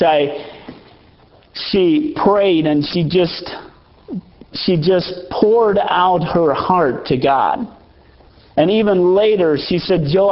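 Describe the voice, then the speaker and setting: A man preaching a sermon in a church, slow and emphatic, repeating his phrases. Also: a little high, lo-fi sound. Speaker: pastor. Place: church sanctuary.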